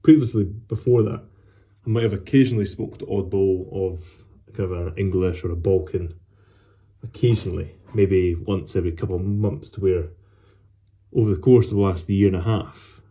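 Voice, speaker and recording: A man chatting casually as a solo vlog host, with an unhurried, rambling and halting delivery. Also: low voice, dark tone. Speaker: host of a pipe tobacco vlog. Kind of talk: casual solo chat to camera.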